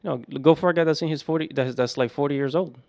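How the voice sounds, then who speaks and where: A man's voice: fairly high pitch, fairly even intonation, rapid-fire, darkish tone, no room sound. Guy in his 30s ranting his opinions, says stuff twice, dry close sound. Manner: opinionated, repetitive, emphatic. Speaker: commentator reacting to clips. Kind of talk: casual opinion commentary.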